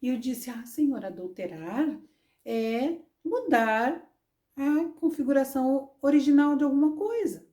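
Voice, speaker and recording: Warm-voiced woman preaching a testimony. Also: high voice, animated, a little slow. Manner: storytelling, conversational with frequent tag questions. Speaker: women's ministry preacher. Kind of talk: sermon with personal testimony.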